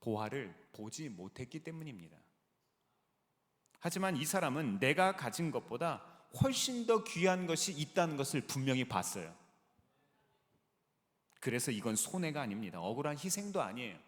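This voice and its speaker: A male pastor preaching a sermon, with lively delivery and rhetorical questions put to the congregation. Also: mid-range voice, normal speed. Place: large church sanctuary. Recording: long reverb of a large sanctuary.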